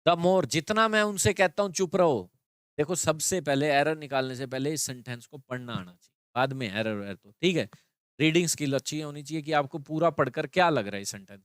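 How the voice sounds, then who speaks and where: A man's voice: on the high side, a little fast, smooth, no echo, clean studio sound. A man teaching an English grammar lesson, explaining in Hindi with English terms and checking in with students often.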